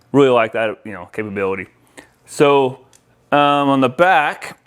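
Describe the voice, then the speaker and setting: Speaking straight to the audience, an audio-video installer's presenter walks through a product demo in a relaxed, explanatory style. His voice is medium-pitched, clear and resonant.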